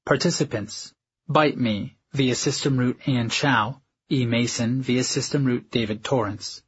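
A spaceship's impersonal message system. The delivery is formal, clipped and detached, in a husky male voice. It sounds like a scripted audiobook announcement, slightly muffled. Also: mid-range voice, fairly even intonation, measured pace. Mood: detached, official. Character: impersonal shipboard message system reading official notices.

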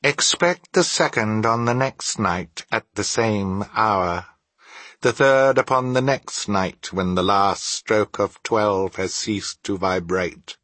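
A man voicing an anguished, remorseful male ghost in a theatrical storybook reading, wailing and solemn in a slow, declamatory way. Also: fairly low pitch, a bit bright, no room sound. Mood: solemn warning.

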